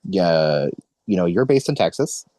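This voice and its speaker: Young guy podcasting, lowish voice, earnest and rambly, dry close mic. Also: very animated, measured pace, mellow, dry recording. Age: 20s. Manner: earnest, rambling, self-correcting. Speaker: podcast host. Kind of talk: casual podcast conversation.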